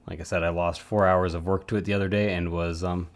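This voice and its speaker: A man's voice: low voice, little pitch movement, fast talker. A man chatting casually on a live stream while he works, rambling with self-mocking asides. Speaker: streamer supporting 3D print models.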